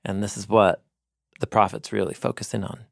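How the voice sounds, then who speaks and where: Low-voiced man explaining in a dry studio. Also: flat delivery, brisk, vocal fry, dry recording. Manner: thoughtful, explains with paraphrased dialogue. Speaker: podcast co-host, teacher. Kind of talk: casual theological discussion.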